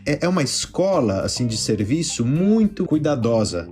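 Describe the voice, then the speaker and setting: A man of middle pitch co-hosts a casual drinks podcast, explaining things at an easy, chatty pace with plenty of fillers. Light guitar music sits faintly in the background. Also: moderate pace. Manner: relaxed, explanatory, many fillers. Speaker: podcast co-host, bartender.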